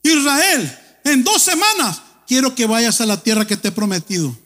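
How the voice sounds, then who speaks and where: High-voiced pastor preaching. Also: male voice, normal speed. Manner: animated, joking, exhorting the congregation. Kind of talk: sermon. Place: church hall. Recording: long church hall reverb.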